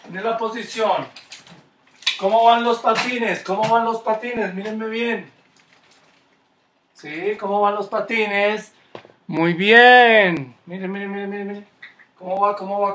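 A man's voice: high-pitched, fairly even intonation, unhurried, long pauses, fairly bright tone, echoey room, distant mic. A man with a Colombian Spanish accent teaching a kids' skating class online, coaching with encouraging, repeated cues. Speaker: skating instructor.

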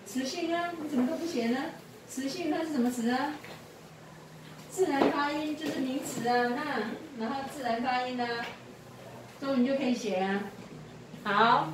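A woman tutoring pupils in a classroom, patiently repeating prompts and quizzing them. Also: a little high. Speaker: English teacher. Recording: echoey room from far off, faint noise.

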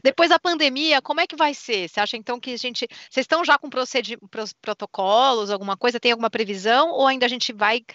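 Bright, high-voiced woman hosting. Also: fast, hardly any pauses, no echo, lo-fi sound. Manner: enthusiastic, reads viewer questions. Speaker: live stream host. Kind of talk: casual interview chat.

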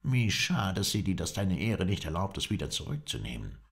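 A man voicing an excitable, devout servant and companion in an audiobook, speaking in fervent exclamations. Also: sits low, normal speed, creaky, pitched above the performer's own voice, heavily acted. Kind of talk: audiobook character voice.

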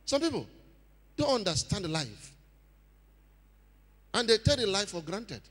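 A man preaching a sermon at a church convention, surging loud for emphasis and then dropping low. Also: sing-song, unhurried, husky. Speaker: pastor. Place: large hall at a church convention. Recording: long hall reverb.

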